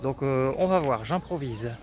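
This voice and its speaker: A man's voice: medium pitch, expressive, moderate pace, a little hiss or hum. A man narrating a casual vlog about his flea-market finds, chatty and hesitant with many fillers.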